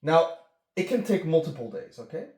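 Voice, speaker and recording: A man's voice: on the high side, sing-song, a little mellow, reverberant. A man speaking as a relationship coach in an earnest coaching monologue, often checking in with "okay?". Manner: slow, earnest, repeats "okay?".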